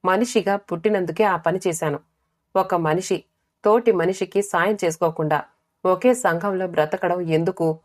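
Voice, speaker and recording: A woman doing an earnest young younger sister from a storybook. She explains herself plainly and sincerely, her voice lowish and steady. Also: moderate pace, close to an everyday voice.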